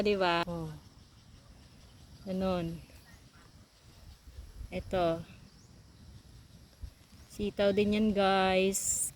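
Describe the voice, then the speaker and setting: A woman's voice: medium pitch, darkish tone, a little hiss or hum. A young woman, vlogging casually on a vegetable farm while filming on her phone, chatty and repetitive as she points things out to viewers. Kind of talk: casual walking tour vlog.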